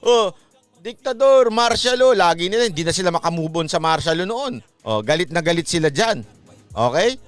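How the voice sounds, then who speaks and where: High-pitched guy from the philippines doing a rambly vlog commentary, sing-songy jabs, bit of music in the back. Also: brisk, no echo. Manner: rambling and animated, with sing-song mocking asides. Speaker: vlog host. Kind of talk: casual political commentary.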